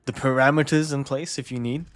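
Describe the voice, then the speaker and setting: A man's voice: medium pitch, steady tone, normal speed. A young man with a New Zealand accent chatting casually with stream viewers, easygoing, chuckling often and repeating words. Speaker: game streamer.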